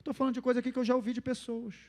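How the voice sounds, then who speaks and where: A man with a Brazilian Portuguese accent preaching a sermon as pastor, animated and acting out the phrases he quotes. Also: very high voice, very fast, in a large hall.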